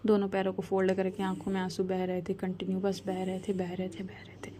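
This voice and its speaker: A woman storyteller, telling a love story casually in a soft, half-whispered voice with chatty asides. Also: medium pitch, monotone, brisk.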